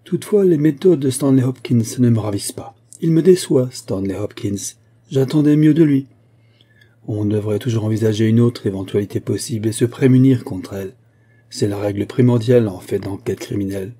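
A man reading as a brilliant detective in an audiobook, crisp and emphatic with a dry irony. the voice stays very dark and husky, lifted a little in pitch for the part. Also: fairly quick, close to an everyday voice. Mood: assured. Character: brilliant, ironic male detective.

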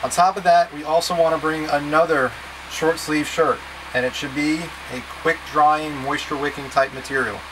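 A man in his thirties, at a moderate pace, walks a camera a few feet away through packing step by step, like a scout leader. His ordinary voice is slightly high to middle, his manner plain-spoken and casually directive, and a clear steady hum fills the small wood-panelled boat cabin indoors.

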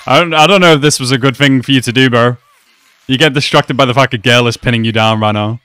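A clean, slightly bright mid-range voice belongs to a fast-talking reaction host in his twenties. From close to a desk mic in a small indoor room, he tosses out amused, slangy commentary in a casual style.

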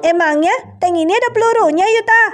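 A woman voicing a calm teenage big sister who is mildly scolding and curious. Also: very high-pitched, fast, faint music behind.

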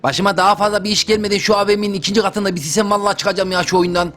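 Young guy rattling off game commentary, high voice, talks super fast, faint music behind. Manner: excitable, joking, talks to viewers. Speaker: gaming youtuber. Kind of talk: lets-play commentary.

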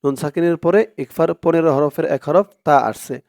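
A man teaching Quran reading, stretching out syllables slowly and then explaining rules in quick asides, with a Bangladeshi Bengali accent. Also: a little high, fairly even intonation, a little mellow, no room sound, studio quality. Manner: slow drawn-out recitation alternating with quick explanations. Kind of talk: Quran recitation lesson.

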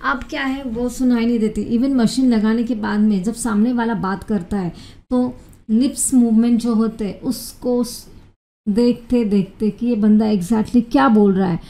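A woman teacher explaining an English textbook lesson, reading English lines slowly and then explaining them in Hindi. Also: on the high side, steady tone, warm tone.

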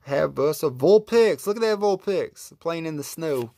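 A man with a drawl talks slowly in a gravelly, creaky voice. He chats in an easygoing, relaxed way, admiring each card he pulls from a pack. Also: a little high, no echo. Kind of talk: casual unboxing commentary.

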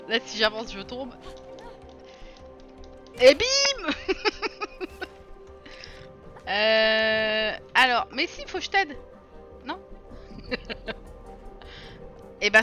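A young woman chatting through a co-op video game session, excitable and self-mocking, often laughing and shouting at the game. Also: fairly high pitch, very slow, pauses often, faint music behind. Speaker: streamer playing a co-op video game. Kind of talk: casual let's-play chatter.

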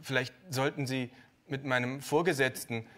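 A man's voice: mid-range voice, steady tone, moderate pace, a bit bright, voice pushed up, lightly acted. A man voicing a nervous young male bank advisor who stammers and hesitates. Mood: flustered.

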